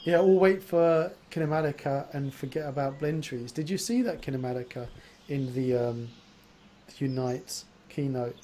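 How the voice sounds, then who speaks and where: A man's voice: medium pitch, normal speed, dark tone, a little hiss or hum. A man hosting a livestream in casual chat, pronouncing his R's like W's. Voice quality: cannot pronounce R's, says w for r. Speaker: livestream host.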